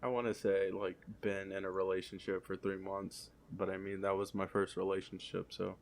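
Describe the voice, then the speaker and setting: Young man, very low voice, gravelly, casual podcast chat, hesitant. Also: normal speed. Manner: relaxed and hesitant, many fillers. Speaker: podcast co-host.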